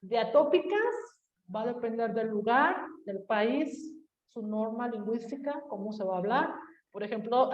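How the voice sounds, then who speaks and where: A woman's voice: mid-range voice, darkish tone. A Mexican woman teacher with a Jalisco accent giving a chatty classroom lecture and checking in with her students as she goes. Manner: chatty, addresses students directly with tag questions. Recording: echoey room, voice from a distance, dull lo-fi sound.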